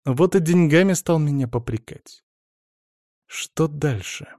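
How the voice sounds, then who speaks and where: A man's voice: fairly high pitch, takes it slowly, darkish tone, dry recording, voice pushed up. Wounded, bitter young wife, slightly raised voice, played by a male reader, dry studio sound. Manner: bitter, reproachful. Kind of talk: audiobook character reading.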